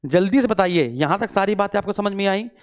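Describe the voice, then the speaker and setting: A man's voice: high-pitched, fairly quick. A male teacher giving an online exam-prep lecture, repeating each point and asking his students questions, mixing English words into his speech. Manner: repetitive call-and-response questioning.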